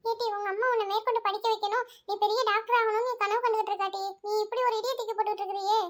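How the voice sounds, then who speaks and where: A woman doing a fretful middle-aged aunt in a storybook drama, scolding and exclaiming at her niece. The voice is very high and quick. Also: flat delivery. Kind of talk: audio story voice acting.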